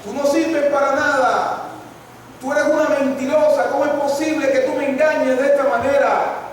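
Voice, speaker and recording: A man's voice: very high-pitched, fairly even intonation, moderate pace, a little hiss or hum, voice pushed up. A man preacher voicing an angry young man who berates his mother, in an echoey hall heard from far off. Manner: accusing, shouting.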